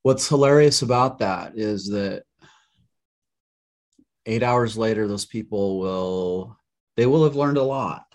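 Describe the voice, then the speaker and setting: A man in his forties with a fairly low voice co-hosts a podcast about legal matters. He chats loosely and drops in dry, joking remarks. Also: slow, pauses often, a little mellow. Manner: joking, wry asides. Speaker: podcast co-host, attorney. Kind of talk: casual chat.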